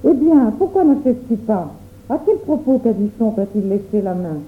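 A woman's voice: fairly high pitch, expressive, moderate pace, lightly acted. A stern mother who scolds sharply and demands answers, voiced by a woman reading a story. The recording sounds thin and narrow, like a phone call. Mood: scolding. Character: stern, quick-tempered mother. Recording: tinny phone-like audio.

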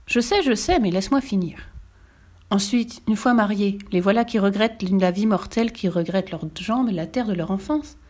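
A woman voicing a wise, gentle immortal mermaid in a read-aloud storybook. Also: medium pitch, moderate pace, natural voice. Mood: knowing. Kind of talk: storybook reading.

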